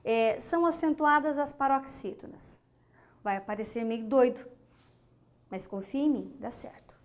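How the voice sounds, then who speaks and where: A woman with a high, animated voice teaches grammar at a whiteboard in a recorded online lesson, taking her time. She has a Brazilian Portuguese accent, counts syllables out loud, and checks in with students along the way, in a lesson studio.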